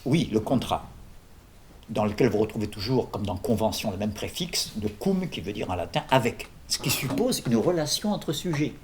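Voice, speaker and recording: A man's voice: medium pitch, expressive, normal speed, darkish tone, a little hiss or hum. A man lecturing on philosophy in an informal workshop, digressing with jokes and questions to his audience.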